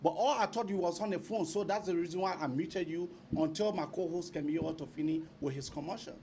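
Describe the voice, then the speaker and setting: Guy hosting, high voice, keeps repeating himself arguing, bit of background noise. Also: quick pace, a little mellow. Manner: insistent, repetitive. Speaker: talk show host. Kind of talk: unscripted argument on a talk show.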